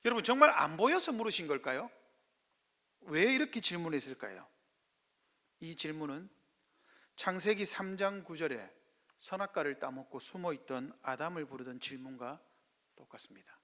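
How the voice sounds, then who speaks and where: Gyeongsang pastor with a high, bright voice. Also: male voice, animated, normal speed, pauses often. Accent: Gyeongsang Korean. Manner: asks the congregation constant rhetorical questions; acts out biblical speakers in dramatic voices. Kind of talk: sermon. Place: church sanctuary. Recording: echoey church hall.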